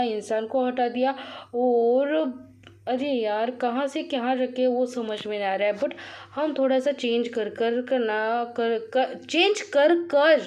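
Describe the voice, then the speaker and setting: A woman casually commenting on her mobile game as she plays, chatty with viewers, often crying out and repeating words when things go wrong. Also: mid-range voice. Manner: excitable, frequent cries and repeated words; addresses viewers as friends, chatty. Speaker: gaming channel host. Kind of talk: live commentary while playing a mobile game.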